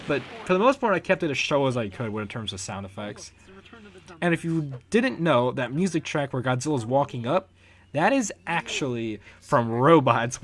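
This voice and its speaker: A young man who made a fan dub gives casual behind-the-scenes commentary in a mid-range, slightly bright voice. He rambles enthusiastically and chuckles often, with music playing under his voice.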